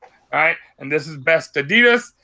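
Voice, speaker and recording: Thirtysomething guy hosting a sneaker show, super bright sharp voice, cusses a lot, a bit higher than most guys. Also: moderate pace. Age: 30s. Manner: loud, profane, animated talker. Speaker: podcast host. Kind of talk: casual podcast banter.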